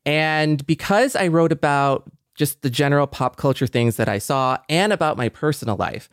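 This middle-aged podcast co-host has a slightly high voice at a normal pace, captured dry and clean in a studio. In a reflective conversation, he speaks earnestly and thoughtfully, his phrasing hesitant as he searches for words.

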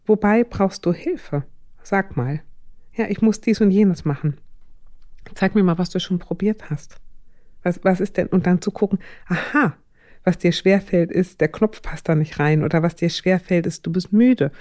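Dark-voiced middle-aged woman talking thoughtfully. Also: on the low side, normal speed, dry recording, clean studio sound. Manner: thoughtful, hesitant with frequent fillers. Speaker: parenting advisor. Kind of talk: casual podcast conversation.

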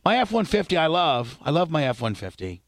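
Guy podcast host, kinda high voice, swears a lot, blunt, dry close sound. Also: sing-song, brisk, dry recording. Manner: blunt, profane. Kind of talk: casual chat.

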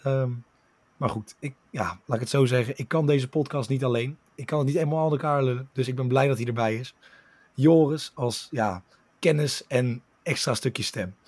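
A man hosting a casual football podcast with a hoarse voice, talking at length with fillers and restarts. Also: mid-range voice, moderate pace, darkish tone. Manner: talkative, many fillers and restarts while explaining. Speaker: podcast host.

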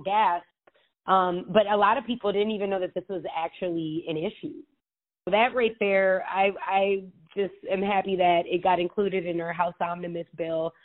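A woman state legislator answering interview questions earnestly, rambling with many restarts over a phone call. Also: deep voice. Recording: tinny phone line.

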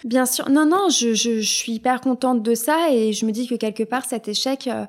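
Woman guest, kinda high voice, rambly, lots of fillers and restarts. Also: normal speed. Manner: hesitant, many fillers and restarts. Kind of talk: casual interview chat.

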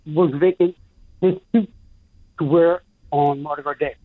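A man's voice: on the high side, steady tone, a little slow, no room sound. A man calling into a radio show over the phone, chatty and rambling, his voice muffled by the line. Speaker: radio call-in caller. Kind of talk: casual chat.

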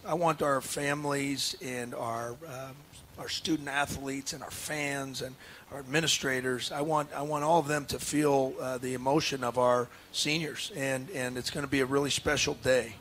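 Man, basketball coach, halting earnest talk, lots of fillers, faint background hiss. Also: mid-range voice, steady tone, a bit bright. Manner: halting, many restarts and fillers; earnest, emotional. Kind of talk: casual radio interview.

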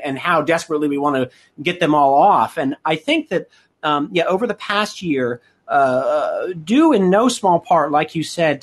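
A man talks through the issues as a guest on a political talk show. He hesitates often, leans on fillers and restarts his sentences, and he sounds plain and unhurried. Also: on the high side.

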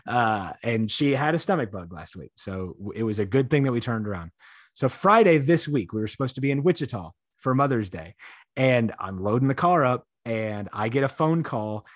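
An American man hosts a casual sports podcast with a voice that is giving out. He talks informally, often breaking off and restarting his thought, at a middling pitch. The sound is close and dry. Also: animated, normal speed, no echo. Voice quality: voice giving out, partly lost. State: losing his voice. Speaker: podcast host.

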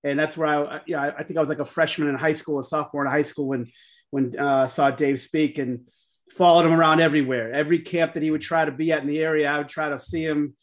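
A man with a somewhat high voice co-hosts a casual podcast. He is effusive and loose in his phrasing, often restarting and repeating a thought. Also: flat delivery, quick pace. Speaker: podcast co-host and basketball coach. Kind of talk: casual chat.

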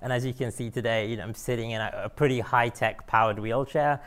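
A man's voice: mid-range voice, fairly even intonation, fast talker, fairly bright tone. A man from London with a London accent, giving a casual lecture-style talk about his own story, with many fillers and restarts. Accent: London English. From London, England. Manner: conversational, with frequent fillers and restarts. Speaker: guest speaker.

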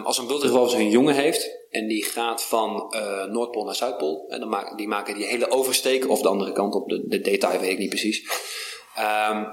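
A man speaking as a podcast guest, telling stories in an animated, rambling conversational way. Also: on the low side. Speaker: podcast guest, vitality coach. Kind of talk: casual conversation. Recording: roomy sound with faint background noise.

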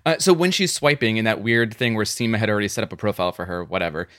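A man's voice: lowish voice, racing, no room sound. Dry-sounding chatty male podcast co-host. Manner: animated, chatty, many fillers. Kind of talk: casual chat.

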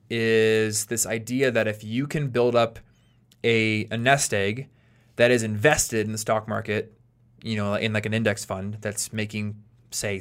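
A podcast host, a man in his late twenties with a fairly low voice, explains things in a relaxed, chatty way. He thinks aloud as he goes and often restarts his sentences.

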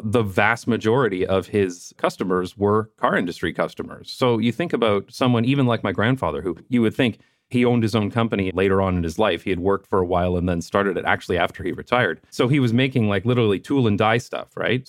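A man from southwestern Ontario hosting a casual talk, reasoning things through in a relaxed way. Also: on the low side, no room sound, studio quality. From southwestern Ontario, Canada. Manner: relaxed, explaining, reasoning aloud. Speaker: host. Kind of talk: casual conversation.

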